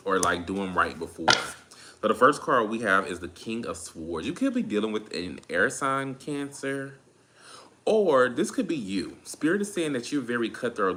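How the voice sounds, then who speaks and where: Southern guy doing a tarot reading, real low voice, tired and drawn out, repeats himself a lot. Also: fairly bright tone, slight background noise. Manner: laid-back, drawn-out, repeats phrases while calling on spirit. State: tired, drained. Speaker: tarot reader. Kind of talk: casual tarot reading monologue.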